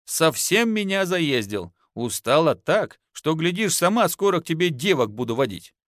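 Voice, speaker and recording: An earthy young peasant wife, teasing and quick to scold, in a raised, lively voice, as a male audiobook narrator puts her on. Her folksy talk swings up and down in a close, dry recording. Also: fairly high pitch, dry recording, voice pushed up.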